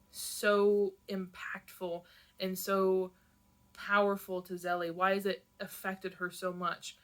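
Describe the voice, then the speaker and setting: A woman teacher reading a novel aloud and then giving students study questions in a brisk, conversational way. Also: medium pitch, pushed and bright.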